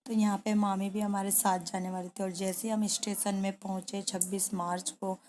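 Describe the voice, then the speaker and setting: Subdued grieving woman, flat voice. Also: mid-range voice, moderate pace, a little hiss or hum. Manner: soft, quiet and subdued, grieving. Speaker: vlogger. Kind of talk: personal vlog voice-over.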